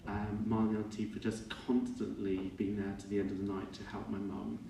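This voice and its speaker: A middle-aged man with a fairly low voice delivers an informal eulogy. He speaks in a halting, reflective way and often corrects himself. The recording is echoey and picked up at some distance from the microphone. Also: little pitch movement, gravelly, warm tone. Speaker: son giving a eulogy for his father. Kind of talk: informal funeral speech. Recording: echoey room, distant mic, faint noise.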